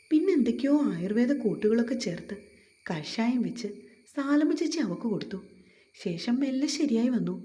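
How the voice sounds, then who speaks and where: A woman narrating a family romance story in a gentle, expressive way. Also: a little high.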